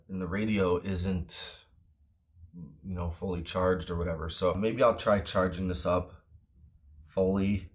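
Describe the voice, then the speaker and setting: A low-voiced man casually talks through a product review while seated at a wooden table indoors. He sounds offhand and plain-spoken, hesitating now and then.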